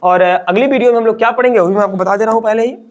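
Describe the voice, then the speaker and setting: A man teaches a beginners' English lesson in Hindi in a classroom-style online class, drilling the letters one by one. He asks questions and answers them himself, calling his listeners children in a friendly way, and talks in a high-pitched, racing voice.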